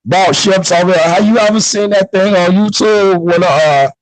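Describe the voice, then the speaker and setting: A man in a casual online panel chat, talking in rambling bursts with many fillers, through a loud mic that distorts. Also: high voice, moderate pace, no room sound.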